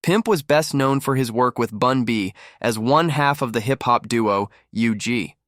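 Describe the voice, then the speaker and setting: A man's voice: mid-range voice, measured pace, no echo, clean studio sound. A man delivering scripted gossip commentary as a narrator.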